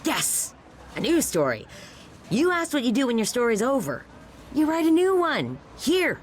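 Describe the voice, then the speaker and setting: A woman's voice: sits high, wildly swooping pitch, unhurried, a little hiss or hum, heavily acted. A woman playing a breezy, offhand guide from Greek myth in a video game. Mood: encouraging. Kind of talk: casual video game acting.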